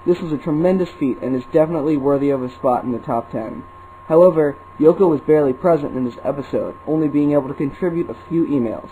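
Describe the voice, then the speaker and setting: A man's voice: on the high side, fast talker, phone-quality sound, a little hiss or hum. A man reading a scripted countdown entry in an earnest, explanatory way. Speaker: co-creator of the video. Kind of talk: scripted voice-over.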